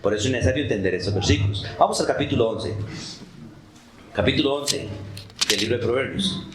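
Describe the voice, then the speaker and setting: A male pastor preaching a sermon, animated, asking the congregation questions and acting out short dialogues. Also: medium pitch, brisk, reverberant, background noise. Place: church.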